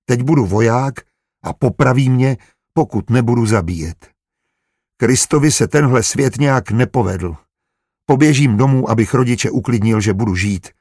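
A man's voice: mid-range voice, darkish tone, no room sound, clean studio sound, pitched above the performer's own voice, lightly acted. A man reading aloud voices a weary, shaken young man in a storybook. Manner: plaintive, heartfelt.

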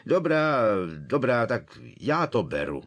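A man putting on a fussy, vain old wizard professor, flustered and grumbling, with a deep, low voice underneath that keeps lifting into higher, fretful protests. The storybook figure hedges and mutters, reluctant at every turn. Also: animated. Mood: grudging.

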